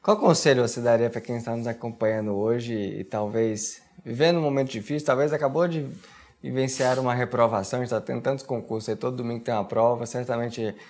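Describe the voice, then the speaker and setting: Creaky-voiced Brazilian male interviewer. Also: mid-range voice, quick pace, a little mellow. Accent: Brazilian Portuguese. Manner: long winding questions. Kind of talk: interview questions.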